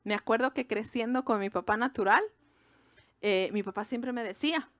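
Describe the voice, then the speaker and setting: A woman from Mexico speaks with a Mexican accent as she preaches informally to women gathered together, conversational and full of asides to her listeners. Her voice is a little high and a bit bright, at a moderate pace, in studio quality with no echo.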